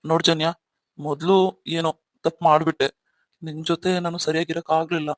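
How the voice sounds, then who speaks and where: A man as a remorseful young cartoon husband, coaxing, pleading, fairly high voice, dry close sound. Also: level tone, a little fast, dry recording, lightly acted. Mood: earnest. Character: remorseful young husband, wooing his wife. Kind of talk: cartoon story voice acting.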